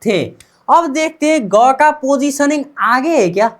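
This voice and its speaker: High-pitched, lively, and unhurried, this woman with an Indian accent teaches Korean pronunciation in Hindi. She repeats words again and again, asking her students questions before she answers.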